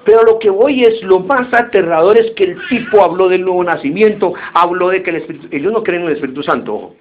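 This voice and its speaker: A male pastor with a notably high voice preaches and tells stories, acting out each quote as he goes. The sound is thin and phone-like, with a faint hiss underneath. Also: quick pace. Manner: anecdotal, animated storytelling with voiced quotes. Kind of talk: sermon.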